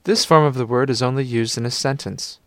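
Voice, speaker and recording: A man's voice: mid-range voice, fairly quick, dry recording, studio quality. A man giving scripted instructional narration for a language course, patiently prompting the listener to repeat.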